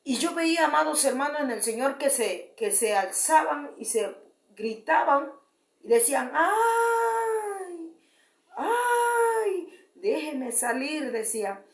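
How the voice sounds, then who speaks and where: A woman's voice: high-pitched, lively intonation. A woman giving a fervent testimony sermon, often repeating her address to the congregation and restarting phrases. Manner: repeats "beloved brethren", halting restarts. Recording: roomy echo.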